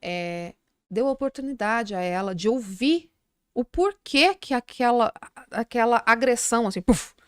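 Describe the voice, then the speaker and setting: A middle-aged Brazilian woman with a somewhat high voice tells a story on a podcast, acting out each person in it. Her delivery is animated and chatty. The sound is close and dry, with no room. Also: unhurried, smooth, no room sound. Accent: Brazilian Portuguese. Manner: animated retelling with quoted voices. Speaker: podcast guest, psychologist. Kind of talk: casual podcast conversation, storytelling.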